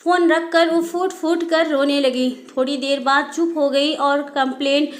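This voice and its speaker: A woman narrating a scripted moral story in a steady, even storytelling manner. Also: high voice, a little slow.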